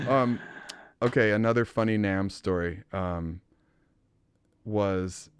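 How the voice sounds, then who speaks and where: A man hosting a podcast in casual chat, an animated storyteller who swears and laughs often. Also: lowish voice, slow pace, clean tone, dry recording. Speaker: podcast host.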